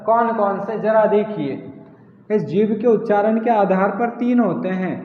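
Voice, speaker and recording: A man's voice: high-pitched, measured pace. A man teaching a grammar lesson, asking the class questions and answering them himself, repeating key words. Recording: echoey hall, tinny phone-like sound.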